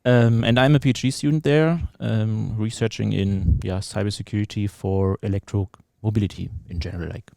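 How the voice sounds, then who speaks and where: A man, a PhD researcher based in Germany, introducing himself slowly and a bit hesitantly as a podcast guest. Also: fairly low pitch, steady tone, vocal fry, warm tone, dry recording, studio quality. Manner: slow, hesitant. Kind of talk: podcast interview.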